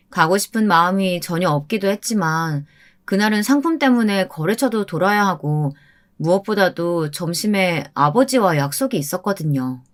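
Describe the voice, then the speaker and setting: A woman narrating a first-person drama story in a steady storytelling manner. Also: lowish voice.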